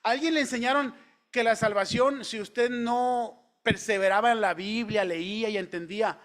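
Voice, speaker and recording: A man's voice: very high voice, a bit bright. A man preaching a sermon in a church, talking conversationally and asking the congregation questions. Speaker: pastor.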